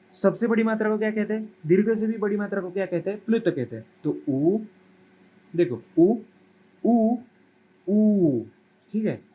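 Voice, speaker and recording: Male teacher, young, higher voice, explains step by step, asks the class questions. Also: a little mellow, rough recording. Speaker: Sanskrit teacher. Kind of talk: classroom lecture.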